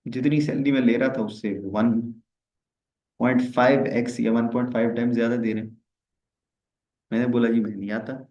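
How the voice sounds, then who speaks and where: A man's voice: medium pitch, a little mellow. A man teaching a live online tax lesson, chatty, acting out little dialogues and asking viewers questions. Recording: roomy, slightly dull livestream audio.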